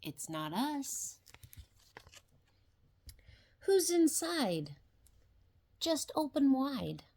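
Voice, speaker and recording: Reading a children's picture book aloud, a grandmother speaks in a fairly high voice whose pitch swings widely. She goes very slowly, stretching out every question with deliberate, expressive drama.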